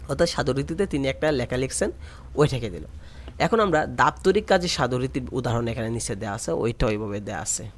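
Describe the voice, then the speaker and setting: A man's voice: mid-range voice, expressive, fairly quick. A young man teaching an exam-prep grammar lesson, explaining step by step and repeating key terms.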